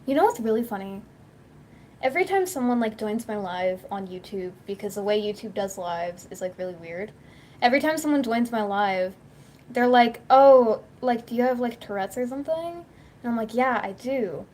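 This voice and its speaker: With a medium-pitched, expressive, slightly mellow voice at normal speed, a woman YouTuber and livestreamer chats casually at home over slight background noise. She tells rambling stories, acts out what people said, and says "like" all the time.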